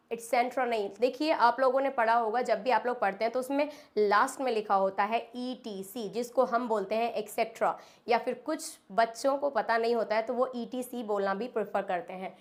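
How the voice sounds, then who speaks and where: Indian woman drilling English words slowly. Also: a little high. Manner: repeats each word slowly, asks "clear हो गया?" after every word. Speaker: English pronunciation teacher. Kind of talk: online English lesson.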